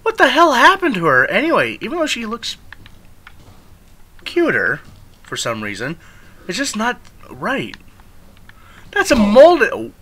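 A male streamer giving excitable let's play commentary with loud reactions and swearing. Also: very high voice, a little slow, pauses often. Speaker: gaming streamer.

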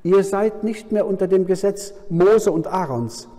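A man preaching a sermon at a Bible conference, his voice fairly high yet mellow and dark in tone. He keeps turning to the listeners with a questioning "ja?". The sound carries a long reverb from a large hall. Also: a little slow. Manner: frequent questioning "ja?" to the audience.

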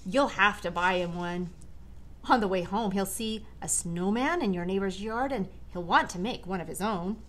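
Reading expressively from a children's storybook, this middle-aged American woman makes chatty asides to her young audience. Her mid-range voice keeps a moderate pace in a large living room indoors, and room noise is clearly audible behind her.

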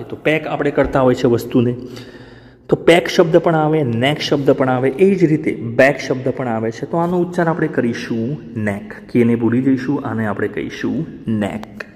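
A man teaches a language lesson at an unhurried pace, reading out the spelling of each word one letter at a time. He keeps checking in with his learners by asking how a word is pronounced. His mid-range voice carries a long reverb from the room. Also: medium pitch. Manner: spells words out slowly letter by letter, asks learners questions. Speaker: English teacher.

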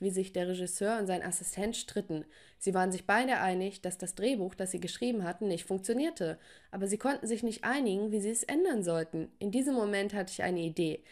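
A woman's voice: medium pitch, a little mellow. A woman telling a first-person story in a dramatic style, with sighing exclamations, over faint music. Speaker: narrator.

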